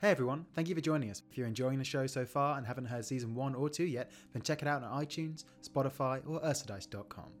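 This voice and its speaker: Male announcer, quick scripted plug, light music under. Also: medium pitch. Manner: brisk promotional read. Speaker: podcast host.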